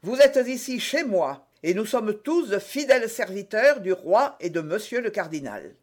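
A man voicing a bold, quick-witted young male musketeer in an audiobook reading, giving brisk orders. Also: high-pitched, sing-song, voice pushed up. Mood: commanding.

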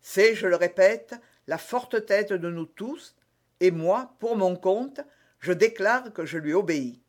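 A grave, authoritative musketeer, as a male reader puts him on, speaking in measured, weighty declarations. His voice stays raised but controlled in this storybook reading. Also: high-pitched, pitched above the performer's own voice. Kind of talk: audiobook reading.

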